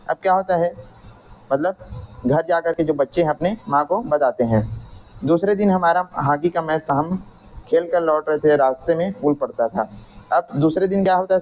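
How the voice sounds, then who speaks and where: A man's voice: a little high, darkish tone. A man teaching a lesson, reading a story aloud and restating each line in simpler words, often asking a question and answering it himself. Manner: rephrases each sentence in plain words, asks and answers himself. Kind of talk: reading and explaining a textbook story. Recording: dull lo-fi sound.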